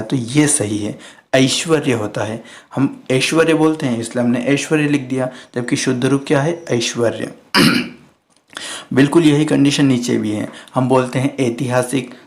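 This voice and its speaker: A man at an ordinary middle pitch teaches Hindi spelling to exam students in a patient, methodical lesson. He explains each point step by step, asks his own questions and answers them. He keeps checking in with a repeated "okay". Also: darkish tone.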